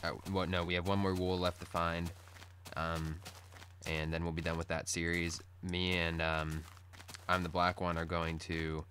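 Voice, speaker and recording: A man's voice: low voice, level tone, measured pace, pushed and bright. A man with a morning voice chatting casually in a rambling, laid-back gaming update, on poor-quality audio. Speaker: gaming video host. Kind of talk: casual Let's Play update chat. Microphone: recorded through screen-capture software. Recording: poor audio with background noise.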